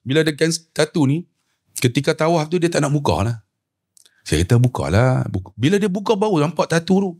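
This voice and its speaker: A middle-aged man with a Malaysian Malay accent, a preacher telling a story on a talk show with lively, swinging pitch and acted-out dialogue. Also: fairly quick, husky. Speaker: preacher and umrah tour guide.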